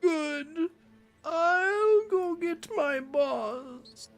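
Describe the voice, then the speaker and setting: A woman's voice: on the high side, expressive, slow, faint music behind, voice pushed up. A woman voicing a whiny, cowardly male undead knight who wails and sobs in self-pity in a tabletop game. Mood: wailing, cowering. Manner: wailing, sobbing, self-pitying.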